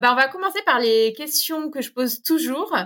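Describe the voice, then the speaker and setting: Woman hosting, slightly high voice. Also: animated, moderate pace. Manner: warm scripted reading, then informal questions. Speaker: podcast host. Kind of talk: scripted podcast intro, then interview.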